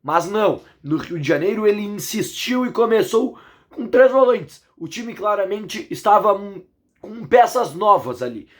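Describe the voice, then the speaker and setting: A man with a Brazilian accent and a fairly high, hoarse voice breaks down a football match in a casual vlog. He speaks in an emphatic, indignant way, pressing his points hard. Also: expressive, unhurried. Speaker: football commentator.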